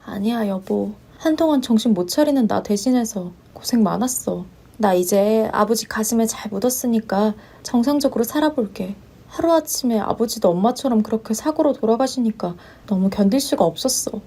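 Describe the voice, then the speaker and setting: A woman voicing a gentle, supportive young husband who speaks softly and reassuringly in a narrated story. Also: animated, moderate pace, husky. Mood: grateful. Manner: soft, reassuring, low-voiced. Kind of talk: story narration with voiced roles.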